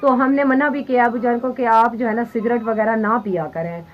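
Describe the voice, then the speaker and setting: A woman's voice: a little high, fairly even intonation, a little fast, highs cut off. A woman vlogging at her village home, talking in a soothing, pleading way and speaking to viewers with heartfelt emotion, recorded on a handheld camera. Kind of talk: casual vlog talk to camera.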